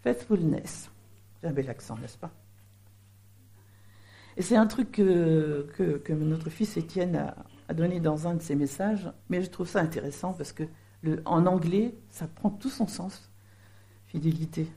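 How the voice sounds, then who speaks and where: A woman's voice: fairly low pitch, normal speed, dark tone. A middle-aged woman giving a sermon in French, explaining word meanings with a teaching manner. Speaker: preacher.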